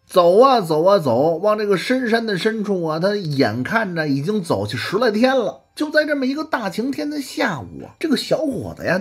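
A woman telling a folk tale in an animated way, with drawn-out rhetorical questions and exclamations. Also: fairly low pitch, slightly rough. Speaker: storyteller.

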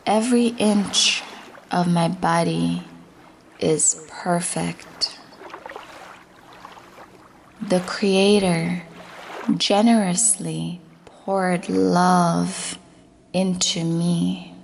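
There's a little hiss or hum as a woman, her voice on the low side and steady in tone, leads a guided meditation with affirmations. She speaks slowly and soothingly, at moments in a breathy near-whisper.

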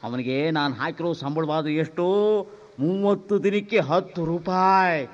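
A man doing a stingy elderly master, gruff and bossy, with a fairly high voice. He talks in short, clipped lines. The recording is muffled and lo-fi. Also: fairly even intonation, unhurried, natural voice. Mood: scheming. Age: older. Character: stingy elderly male master scheming over dowry. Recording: dull lo-fi drama recording.

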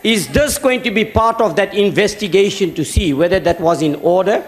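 A man's voice: high voice, normal speed. A man, a member of parliament, reading a formal question from paper in the chamber. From South Africa. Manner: reads a prepared question from paper.

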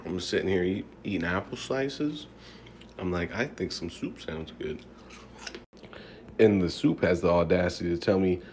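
A young man giving a deadpan comic monologue into a phone held at arm's length. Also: sits low, slight background noise. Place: indoor room with sloped ceiling.

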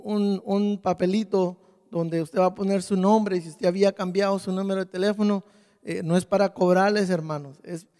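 A man's voice: high voice, warm tone. A man giving a conversational church sermon in a folksy way, repeating phrases and often checking in with his listeners. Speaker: church leader. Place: church hall. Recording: live church hall with long reverb.

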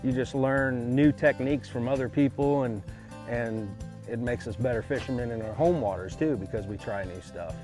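A man who fishes catfish tournaments, calmly explaining his rig step by step from a boat. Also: mid-range voice, moderate pace, faint music behind. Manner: steady, practical instructional talk. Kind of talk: casual how-to demonstration. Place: open boat on a reservoir.

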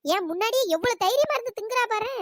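A woman voicing a bossy village woman who owns an orchard, in a squeaky cartoon voice, scolding in quick accusing bursts. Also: expressive, no echo, studio quality. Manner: shrill scolding, fast and accusing. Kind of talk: cartoon storytelling.

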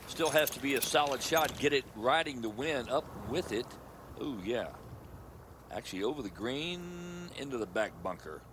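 A man's voice: medium pitch, expressive, moderate pace. A man giving casual, analytical live commentary as a golf commentator. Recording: clearly noisy outdoor broadcast.

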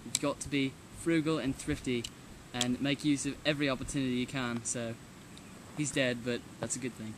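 A man's voice: medium pitch, steady tone, brisk, natural voice. A young man playing an earnest wilderness survival host in a comedy skit, outdoors. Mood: mock-serious. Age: young adult. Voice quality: mock-serious documentary narration. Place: outdoors in woods. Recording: noisy outdoor camcorder audio.

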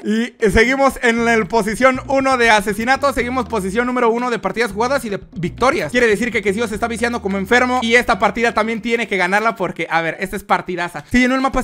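A young man with a Mexican Spanish accent, giving excitable commentary over his own gameplay. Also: very high-pitched. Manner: hyped, excitable, shouts at wins. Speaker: gaming youtuber.

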